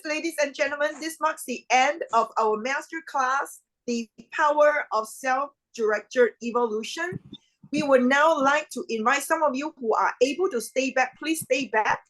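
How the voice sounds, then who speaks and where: A woman's voice: high-pitched, animated, unhurried, fairly bright tone, poor audio. A woman hosting an online event over a video call, upbeat with formal announcer phrasing. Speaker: event host.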